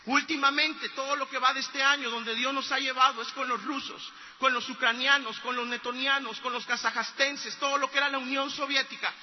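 High-voiced man preaching in a reverberant hall. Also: steady tone, a little fast, few pauses, lo-fi sound. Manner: earnest storytelling that builds to loud exhortation. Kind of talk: storytelling sermon.

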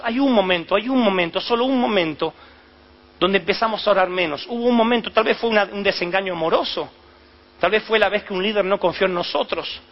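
A high-voiced man preaching a sermon, acting out the story with animated voices and sudden shouts. The sound is dull and lo-fi, like a live church recording.

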